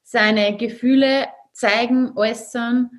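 A woman's voice: on the high side, fairly even intonation, slow pace. A woman hosting an interview, asking questions hesitantly with many fillers. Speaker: podcast host. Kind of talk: interviewing a guest.

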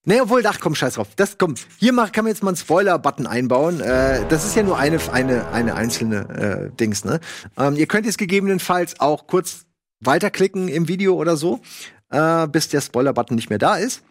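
A man casually reviewing a book in a video, rambling with lots of fillers and lively asides. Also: fairly high pitch, moderate pace, dry recording, clean studio sound.

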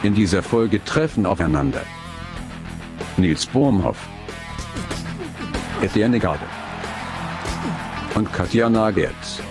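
A man voicing a grand show announcer who introduces the contestants in a drawn-out delivery over music. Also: lowish voice, animated, pitched below the performer's own voice. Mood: hyping. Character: booming male show announcer, grand and slow. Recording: voice under loud guitar music. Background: guitar music.

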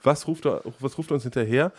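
Man, mid pitch, casual chat, playful, dramatic retelling. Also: fast talker, a little mellow. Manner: playful storyteller, dramatizes with quoted lines. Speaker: podcast co-host.

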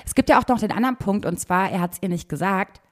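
A young woman co-hosting a podcast, giving relationship advice in a lively, casual way and often tagging "ne?". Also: medium pitch, fast talker. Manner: lively, tag questions like "ne?". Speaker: podcast co-host.

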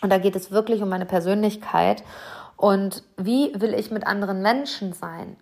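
A woman giving a motivational talk straight to the listener, earnest and direct, slowing down to stress her questions. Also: medium pitch.

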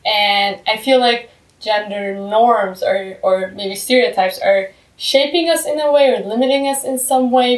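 A woman's voice: medium pitch, recorded from a distance. A woman co-hosting a casual podcast chat, speaking in an earnest, reflective way. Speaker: podcast co-host. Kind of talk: casual round-table chat. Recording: roomy sound, a little off-mic.

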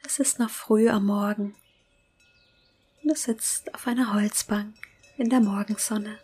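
Slow breathy whispering woman guiding meditation. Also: mid-range voice. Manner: soft whisper, slow and calm. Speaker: meditation guide.

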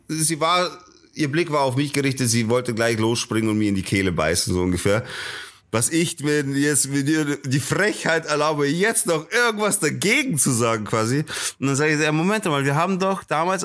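A man hosting a podcast, telling a story in a casual, slangy way and acting out the people he quotes. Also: fairly high pitch. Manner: animated, acts out the people he quotes; slangy, peppered with "Alter". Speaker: podcast host.

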